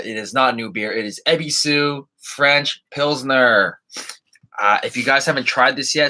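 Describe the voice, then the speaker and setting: Male streamer, casual and jokey, addresses viewers directly, bright tone. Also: medium pitch, low-quality recording. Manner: joking, rambling, talks straight to viewers. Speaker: channel host on a live stream. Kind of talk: casual live-stream chat.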